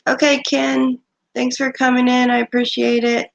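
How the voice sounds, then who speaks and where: A woman with a gravelly, just-woken-up creak talks to her stream viewers and thanks them by name, in a slightly high voice. The audio is dull and lo-fi, typical of a home livestream setup. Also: level tone, normal speed. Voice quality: creaky morning voice. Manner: chatty, thanks viewers one by one. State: just woke up, recovering from illness. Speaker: livestream host. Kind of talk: casual chat with viewers.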